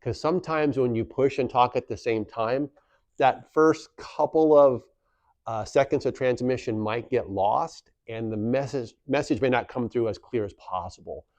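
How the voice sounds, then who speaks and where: In this community association instructional video, the presenter walks through each step in plain terms and repeats the main points to stress them. He speaks at a moderate pace in a medium, darkish voice. There's no echo.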